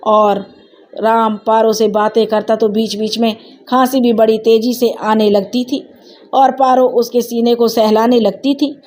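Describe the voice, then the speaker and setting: A woman storyteller narrating a sad family tale in a slow, emotive reading style. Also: fairly high pitch, little pitch movement, a little mellow.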